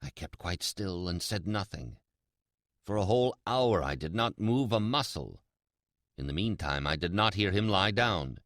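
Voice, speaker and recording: Man acting a deep-voiced, gloating madman. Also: animated, fairly bright tone, no room sound, studio quality. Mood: sinister, hushed. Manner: theatrical, deliberate, drawn-out emphatic repetitions. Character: mad, gloating, sly male murderer confessing his crime. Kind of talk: dramatic Gothic horror story reading.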